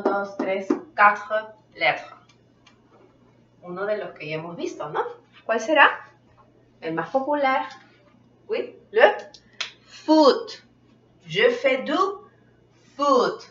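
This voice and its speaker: Very slow-speaking woman teacher, roomy. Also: medium pitch, a bit bright, slight background noise. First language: Spanish. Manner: slow, patient, asks questions and repeats. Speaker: French teacher. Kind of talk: classroom lesson. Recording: roomy, distant, dull sound.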